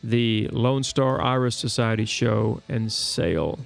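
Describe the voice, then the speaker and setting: A man co-hosting a casual live talk show from a bar, reading out local events with relaxed fillers. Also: medium pitch, slow pace, vocal fry, faint music behind. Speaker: show co-host. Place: bar and grill.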